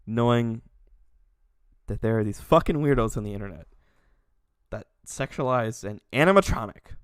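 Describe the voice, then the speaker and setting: A man's voice: medium pitch, darkish tone, dry recording, clean studio sound. A young man in a casual comedy vlog, ranting animatedly with lots of swearing and laughter. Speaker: video creator.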